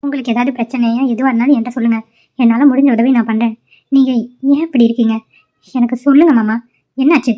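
A woman voicing a caring, frank young woman who speaks earnestly and gently scolds, in a cartoon drama. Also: fairly high pitch, fairly even intonation, quick pace, muffled recording, lightly acted.

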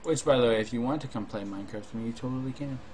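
A man's voice: medium pitch, rapid-fire. A young man giving casual live game commentary in a laid-back, musing way, swearing casually as he plays. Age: young adult. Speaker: game streamer. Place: indoor room at a computer. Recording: noisy stream with keyboard clatter. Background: keyboard typing, game sounds.

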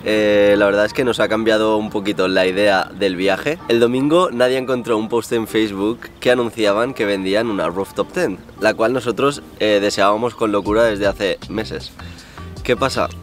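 A man, chatting to camera as a travel vlogger at an outdoor campsite, relaxed and enthusiastic. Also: fairly low pitch. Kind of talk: casual chat to camera. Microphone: on-camera mic, handheld or tripod framing.

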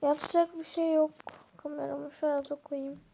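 High, gravelly woman chatting through a game. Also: little pitch movement, normal speed, dark tone, a little hiss or hum, low-quality recording. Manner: chatty, keeps addressing her viewers. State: groggy, just woken up. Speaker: gameplay vlogger. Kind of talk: casual game narration to viewers.

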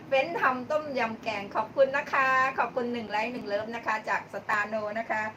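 A woman's voice: fairly high pitch, normal speed. A woman hosting a live-stream cooking show, chatting casually with viewers as she cooks, thanking them by name and laughing often. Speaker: livestream cooking host. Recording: distant mic with clear background noise.

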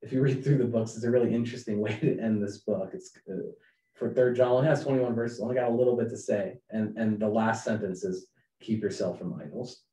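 A man presenting a leadership webinar as its host, lively and earnest, often acting out quotes in a raised voice. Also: on the low side, a little fast, echoey room, distant mic, low-quality recording. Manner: animated, acts out quotes in raised voice. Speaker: webinar presenter, company founder.

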